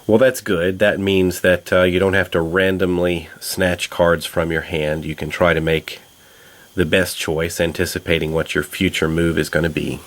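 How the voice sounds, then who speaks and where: Low-voiced guy slowly talking thru a board game turn, kinda measured, thinking out loud. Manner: measured, thinks aloud while checking moves. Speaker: host playing a tabletop board game. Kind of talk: playthrough commentary explaining rules.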